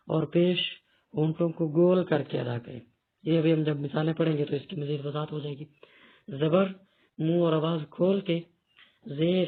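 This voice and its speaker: A male teacher walks beginners through a reading lesson, patient and methodical, going back over each point. His voice sits a little high. The audio is thin and tinny, like a phone call. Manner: patient, explains slowly and repeats key points.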